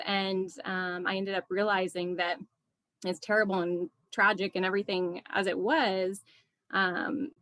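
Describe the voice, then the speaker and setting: A woman's voice: medium pitch, fairly bright tone, no room sound. Young woman, earnest personal storyteller, dry video-call sound. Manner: sincere, reflective, hesitant with fillers. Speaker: storyteller at a community event. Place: home room indoors.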